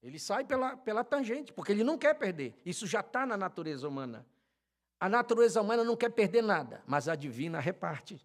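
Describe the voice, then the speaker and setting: An older Brazilian man preaching a sermon as a pastor, fervent, swinging from loud shouted calls to quiet storytelling. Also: high voice, sing-song, a little fast. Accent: Brazilian Portuguese. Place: church.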